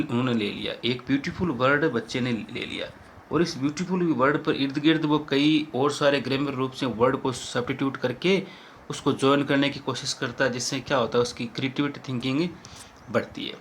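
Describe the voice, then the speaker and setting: A male teacher giving a lecture on English teaching methods, explaining in Hindi and reading English example sentences slowly. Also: mid-range voice, fairly bright tone, a little hiss or hum.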